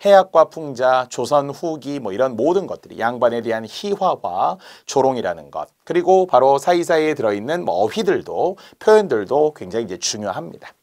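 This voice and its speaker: A man explaining exam answers in a lecture, marking each step aloud and slowly spelling out letters and sounds. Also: mid-range voice, sing-song, a little mellow.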